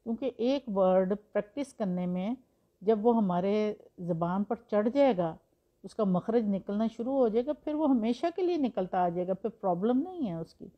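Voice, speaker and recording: A woman's voice: mid-range voice, animated, dull audio. A woman teaching Quran recitation in a patient, explanatory way, using examples and rhetorical questions. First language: Urdu. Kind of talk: explanatory religious lesson.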